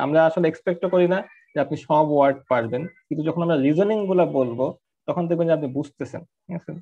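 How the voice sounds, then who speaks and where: A man lectures an online class in a quick, gravelly voice set a little high. He talks in loose, filler-heavy sentences, slipping English words in as he goes. The sound is muffled and lo-fi. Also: warm tone. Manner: conversational, filler-heavy teaching with English mixed in. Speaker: course instructor. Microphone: online class audio.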